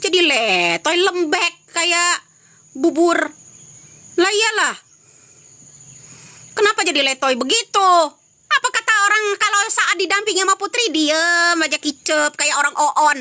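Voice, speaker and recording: Scolding high-voiced woman on a live stream. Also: lively intonation, unhurried, long pauses, bright, forceful tone. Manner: scolding, repetitive, rhetorical questions. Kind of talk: angry live-stream commentary.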